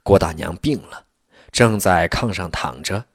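A man's voice: low voice, unhurried, husky, no echo, studio quality. A man narrating a story expressively and acting out all its people. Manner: expressive, acts out every figure.

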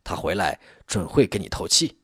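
A man's voice: deep voice, very animated, normal speed, pushed and bright, slightly rough, no room sound, clean studio sound, full character voice. A man voicing a loyal, practical militia captain who speaks plainly and earnestly.

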